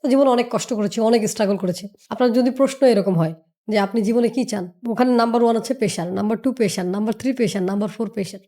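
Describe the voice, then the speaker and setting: A woman's voice: on the high side, rapid-fire, dark tone. A woman giving motivational business advice on a podcast. She lectures emphatically, repeating points and firing rhetorical questions. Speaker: business mentor.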